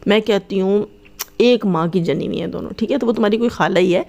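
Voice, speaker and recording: A woman's voice: medium pitch, vocal fry, warm tone. A woman giving a heated commentary rant, scolding and taunting the people she is talking about and addressing them directly. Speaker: vlogger commenting on other vloggers.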